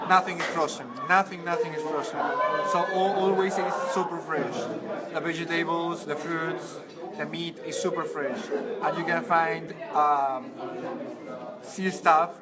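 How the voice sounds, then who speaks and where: A young Peruvian man with a Spanish accent, answering interview questions in halting English with fillers. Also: a little high, steady tone. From Peru. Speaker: pageant contestant. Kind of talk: casual interview. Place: large indoor hall. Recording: loud crowd behind.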